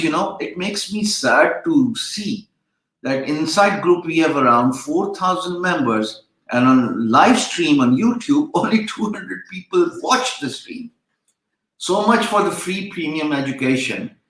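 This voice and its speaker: In an echoey room, a man whose native language is Urdu teaches online freelancing in a relaxed live-stream lecture. His voice is fairly high and a bit bright, lively in intonation but a little slow. He talks in a rambling, chatty way, often restarting and using fillers.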